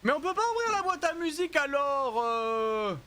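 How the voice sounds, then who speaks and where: A man's voice: very high-pitched, big pitch swings, normal speed, a bit bright. A man giving live commentary on a horror game, jumpy, swearing and chatting with viewers. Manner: jumpy, swears, talks to chat. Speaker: streamer.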